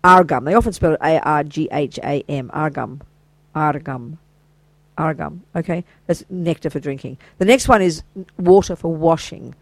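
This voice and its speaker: An older Buddhist teacher giving an informal, chatty dharma talk to a small group, enthusiastic and quick with praise and asides. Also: medium pitch, a little mellow, dry recording, low-quality recording.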